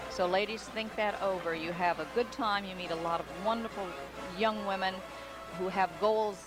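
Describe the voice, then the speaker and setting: A woman's voice: fairly low pitch, poor audio. An American woman co-hosting a live parade broadcast as commentator, mixing scripted copy with chat. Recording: outdoor street broadcast, music behind.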